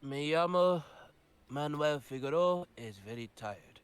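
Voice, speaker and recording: A man's voice: fairly high pitch, expressive, unhurried, clear, resonant tone. A man playing a tired, hungry male adventurer, speaking courteously in a tabletop game. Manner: courteous, slightly formal in character. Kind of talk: tabletop game role-play.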